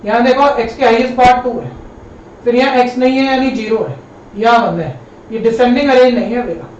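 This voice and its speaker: A male maths teacher explains each step slowly and repeats himself patiently, to his students like a familiar elder. His voice comes some distance across a very echoey classroom. The sound is dull and lo-fi, with a faint hiss behind it. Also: very high-pitched. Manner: patient, repetitive, addresses students as kids and brother. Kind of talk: live online classroom lesson.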